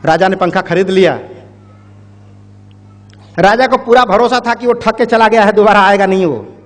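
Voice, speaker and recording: A man giving a motivational speech to an audience, telling a parable in a rhetorical storytelling manner. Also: high-pitched. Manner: rhetorical, storytelling, addresses the crowd directly. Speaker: public speaker. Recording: echoey hall.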